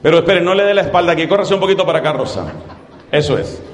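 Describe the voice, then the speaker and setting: A man preaching a sermon to a live congregation, emphatic and repeating phrases slowly for effect. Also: a little high. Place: large church hall with audience. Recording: echoey hall with crowd noise.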